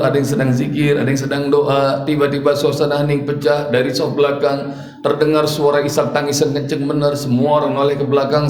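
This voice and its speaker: A male preacher tells a story in a Ramadan sermon, acting out the voices of the people in it. His voice sits high. The mosque hall around him is roomy and echoey. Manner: lively storyteller who acts out dialogue.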